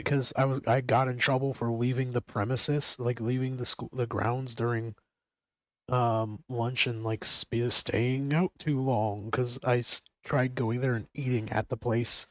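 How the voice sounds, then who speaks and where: A man talking casually and at length, drifting from point to point, with frequent swearing and laughter. He sits close to a dry mic with no room sound. His pitch is mid-range for a man. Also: no room sound, poor audio. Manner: rambling, swears a lot, laughs often. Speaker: streamer. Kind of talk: casual chat.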